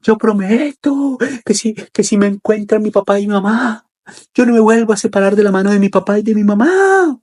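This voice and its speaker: A man's voice: sits high, animated, normal speed, darkish tone, voice pushed up. A man storyteller voicing a scared little boy lost in the woods, crying and pleading. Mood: tearful. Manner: tearful, pleading.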